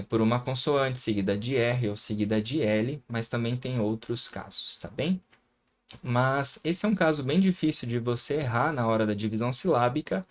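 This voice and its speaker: This recorded grammar lesson is led by a man whose accent is Brazilian Portuguese and whose voice is mid-range. He takes his time breaking words into syllables and frequently pauses to check on the viewer.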